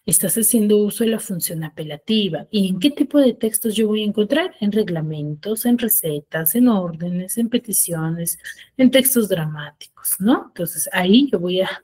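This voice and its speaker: A woman teacher giving an online class, explaining step by step and often checking with quick tag questions. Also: medium pitch, lively intonation, a little mellow, slightly rough. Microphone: video call.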